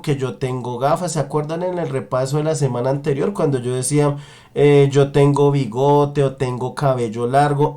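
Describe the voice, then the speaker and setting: A man teaching an English lesson, slowly drawing out example sentences and checking in with his students often. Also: a little high, mellow. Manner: slow, drawn-out model sentences in English. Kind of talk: online language lesson.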